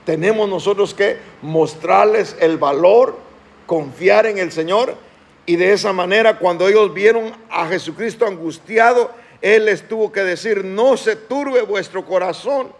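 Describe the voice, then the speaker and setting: A man preaching a sermon as pastor of his church, slowing down and lifting his voice when he reads scripture aloud, and calling on the congregation to respond. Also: sits high, creaky. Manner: asks the congregation questions and calls them to respond.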